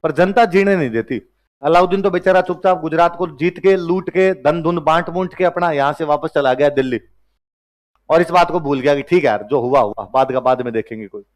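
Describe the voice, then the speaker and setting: A young male history teacher giving a lively classroom lecture, telling stories and acting out their characters, and quizzing his students as he goes. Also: on the high side. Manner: storytelling teacher who acts out characters with quick question-and-answer asides.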